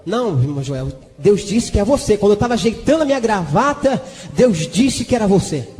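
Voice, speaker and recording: Quiet and firm, this is an older pastor who will not be argued with, as a preacher puts him on. The voice drops low and steady, while a long reverb rings around it and soft music plays beneath. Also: male voice, fairly quick. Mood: insistent. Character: older male pastor, calm and insistent.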